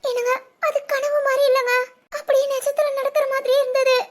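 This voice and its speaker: A woman playing a timid, very high-voiced young wife. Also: level tone, fairly quick. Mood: fearful. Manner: hesitant, stammering. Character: frightened young pregnant wife, timid and tearful. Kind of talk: village family drama acting.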